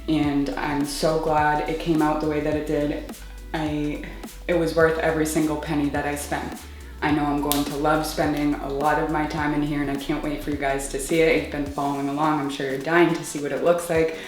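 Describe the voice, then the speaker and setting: A chatty woman talking casually as a vlogger in a home makeover video, indoors in a home office. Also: deep voice. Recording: roomy echo, background music.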